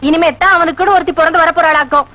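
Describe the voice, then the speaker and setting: Bright, high doting village mother. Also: steady tone, rapid-fire, no room sound. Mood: defensive. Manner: fussing, defensive, sharp-tongued. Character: doting village mother, protective of her son. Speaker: film actor. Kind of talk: Tamil film comedy acting.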